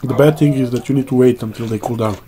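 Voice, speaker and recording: A man in his thirties, chatting casually between bites while eating a meal with his partner in a bright room. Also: medium pitch, fast. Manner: relaxed, speaks few words between mouthfuls. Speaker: co-host of a food channel. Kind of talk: casual mukbang chat. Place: sunny room with large windows, indoors. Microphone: table mic in front of the couple. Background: soft background music.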